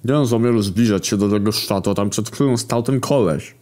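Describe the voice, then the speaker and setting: A man's voice: lowish voice, a little fast, darkish tone, voice pushed up, close to an everyday voice. A man voicing a frightened, panicky male Pestilence who pleads and frets. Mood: scared.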